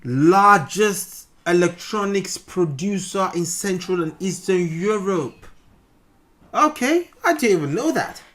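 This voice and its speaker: Nigerian man, video reactor, casual running commentary, lively up-and-down pitch, slightly high. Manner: chatty, quick exclamations and asides.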